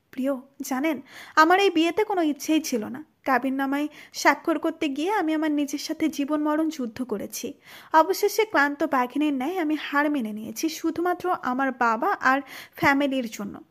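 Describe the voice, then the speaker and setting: A woman's voice: high voice, moderate pace, lightly acted. A woman voicing a young wife reading out her farewell letter, tender, wounded and resigned. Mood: sorrowful. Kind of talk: letter read aloud in a story.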